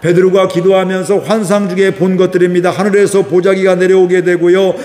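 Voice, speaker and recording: Man, pastor, sermon, high voice, rhetorical questions to the congregation, acts out quotes, echoey church hall. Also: level tone, a little fast, a little mellow, soft background music. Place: church sanctuary.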